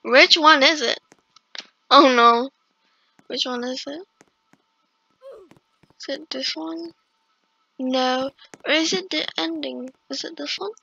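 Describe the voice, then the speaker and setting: High, creaky young-sounding female gamer. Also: slow, pauses often, bright, forceful tone, no room sound, muffled recording. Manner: chatty, reacts aloud and talks to herself. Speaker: gaming video host. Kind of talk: casual gameplay commentary.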